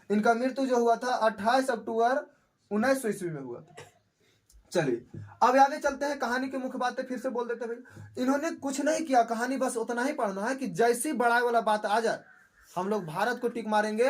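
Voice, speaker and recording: A young man teaching an exam-prep lesson, asking his own questions and answering them again and again. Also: very high-pitched. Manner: repetitive, quizzes himself with questions.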